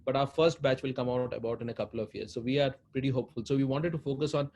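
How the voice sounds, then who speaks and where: Talking very fast in a mid-range, darkish voice with fairly even intonation, this Indian-accented man explains things at length as an interview guest. He heads a social foundation and earnestly repeats phrases to drive his points home. Noise is clearly audible behind him.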